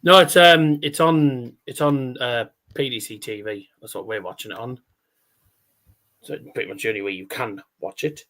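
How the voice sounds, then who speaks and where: A man's voice: mid-range voice, moderate pace, fairly bright tone. A man giving casual live darts commentary as a stream host, chatty and rambling, with scores called out like a darts caller.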